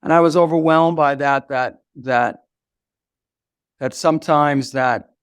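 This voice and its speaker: An older man telling stories as an interview guest, halting and full of restarts. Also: mid-range voice, clean tone, no room sound, studio quality. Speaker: guest, activist mentor. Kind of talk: reflective storytelling in conversation.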